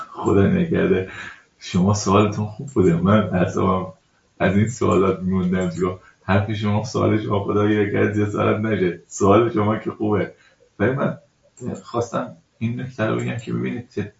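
A man, a cleric answering religious questions, who talks in an exasperated, scolding and animated way. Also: fairly low pitch, gravelly. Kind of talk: religious Q&A talk. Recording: echoey, dull lo-fi recording.

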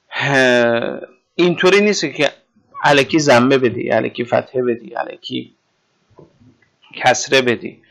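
A man's voice: mid-range voice, gravelly, a bit bright. A man teaching Arabic grammar in an informal classroom lecture. He explains with everyday examples and keeps checking that his listeners follow.

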